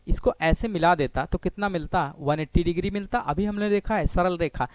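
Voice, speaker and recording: High-voiced man teaching geometry. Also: dry recording. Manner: asks the class questions and answers them himself; repeats "ठीक है" often while explaining on a board. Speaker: maths teacher. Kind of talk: exam-prep geometry lecture.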